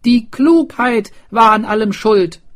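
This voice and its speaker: A man voicing a clever, scheming pig herder from a village, raised and excited. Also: sits high, takes it slowly, voice pushed up. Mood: eager.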